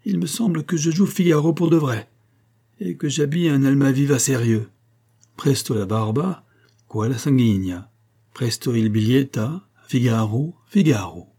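A man voicing a jovial, theatrical male opera singer who speaks in a lively, expansive and commanding way. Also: medium pitch, normal speed, pitched above the performer's own voice, lightly acted.

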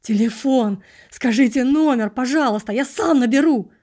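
A woman voicing a frantic young man shouting for help. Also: high voice, normal speed, pitched above the performer's own voice. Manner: loud, frantic pleading. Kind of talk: audiobook reading.

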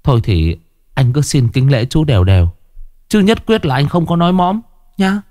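A man voicing a clumsy, earnest young night guard who prays in a rough, rambling, folksy way. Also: fairly high pitch, expressive, normal speed, warm tone, no echo, studio quality, voice pushed up, lightly acted.

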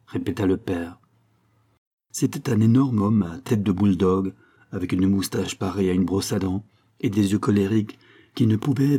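A man narrating a short story in a measured, dramatic manner. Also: on the low side, warm tone, husky.

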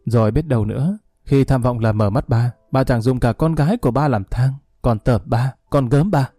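A man's voice: medium pitch, moderate pace, mellow, no echo, studio quality, soft background music, lightly acted. A man voicing a grieving young man who answers his father with cool, mocking sarcasm. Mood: bitter.

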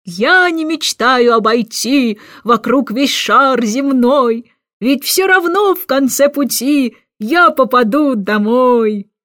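A woman's voice: on the high side, measured pace, no echo, studio quality, lightly acted. A woman voicing a carefree, cheerful king who answers easily and sings little verses. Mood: singing.

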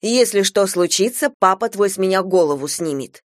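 A woman's voice: mid-range voice, lively intonation, normal speed, no room sound, studio quality, lightly acted. A woman reading a story aloud, voicing a weary mother who pleads and grumbles. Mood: grumbling.

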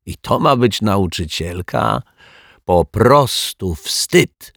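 A man's voice: low voice, a little slow, no echo, clean studio sound. A man voicing a boastful, haughty male zombie in a children's story, drawling and sneering. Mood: scornful. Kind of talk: storybook reading.

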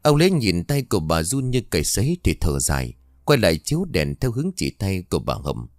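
Male storyteller, low and lively voice, dramatic horror narration. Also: a little fast, no room sound, clean studio sound.

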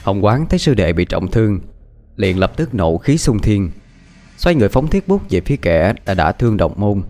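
A man narrating a martial fantasy audiobook in a dramatic, expressive reading style. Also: fairly low pitch, normal speed. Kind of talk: scripted story narration. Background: faint background music.

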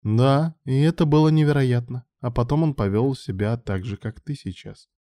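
A man reading aloud and voicing a scheming woman madam in an audiobook, with a coaxing manner that turns to shrill exclamations. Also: moderate pace, warm tone, no echo, clean studio sound, lightly acted. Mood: confiding. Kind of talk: audiobook dialogue.

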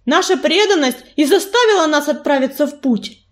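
A woman voicing a steady young male warrior cat from a storybook who speaks firmly and earnestly. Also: sits high, fairly quick. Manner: firm, earnest.

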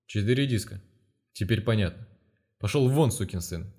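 A man's voice: on the low side, moderate pace, darkish tone, slightly rough. A stern, commanding male investigator, read by a man narrating the book. He speaks bluntly and with open contempt, close to the reader's own voice. An audiobook character reading.

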